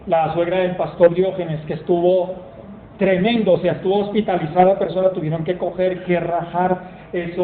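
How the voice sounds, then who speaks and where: A man preaching a sermon, telling stories with emphasis and reading scripture aloud. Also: sits high. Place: church hall. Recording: tinny phone-like sound, echoey hall, faint noise.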